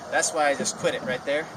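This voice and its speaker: Male trainer, higher-pitched lively voice, explaining as he works outdoors, distant from mic in heavy wind. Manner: informal, explanatory, step-by-step. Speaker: horse trainer, instructor. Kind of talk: hands-on demonstration with running commentary.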